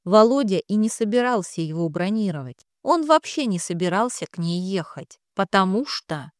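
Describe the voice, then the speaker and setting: A woman's voice: mid-range voice, expressive, normal speed, dry recording, studio quality. Woman reading an audiobook. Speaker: audiobook reader. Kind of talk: scripted narration.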